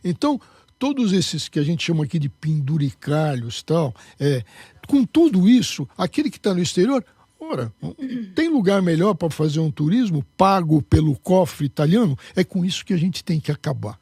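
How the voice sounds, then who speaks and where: A man's voice: on the high side, big pitch swings, moderate pace, darkish tone, slightly rough, no room sound, studio quality. A man answering as a guest in a political interview, emphatic and lecturing.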